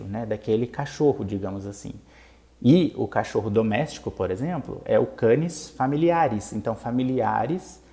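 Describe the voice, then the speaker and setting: A man's voice: medium pitch, mellow. A man with a Brazilian Portuguese accent who hosts a plant channel, patiently explaining a topic step by step in a casual lesson and often checking in with his viewers. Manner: patient, explains step by step, tags lines with "né?" and "tá bom?".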